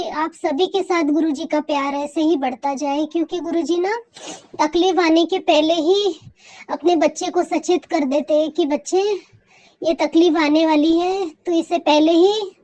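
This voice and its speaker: A woman's voice: sits high, a little mellow. A woman sharing a heartfelt devotional testimony, repeating her thanks again and again. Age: adult.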